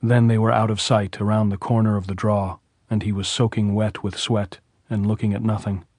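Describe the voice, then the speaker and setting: A man narrating an audiobook in a measured, even way. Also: on the low side, slightly rough, no echo, clean studio sound. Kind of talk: scripted narration.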